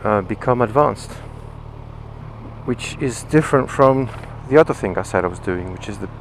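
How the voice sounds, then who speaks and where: A man's voice: fairly low pitch, expressive, moderate pace. British man talking inside a motorcycle helmet. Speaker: motorcycle vlogger. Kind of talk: casual explanatory vlog talk while riding. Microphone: microphone inside the helmet. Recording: clear engine, wind and traffic noise.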